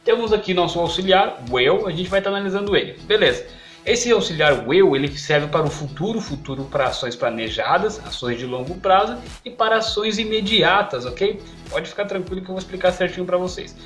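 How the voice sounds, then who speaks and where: Man teaching over soft music. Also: high voice, lively intonation, a little fast. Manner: checks in often with "ok?" and "perfeito?". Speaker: English teacher. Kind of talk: online lesson.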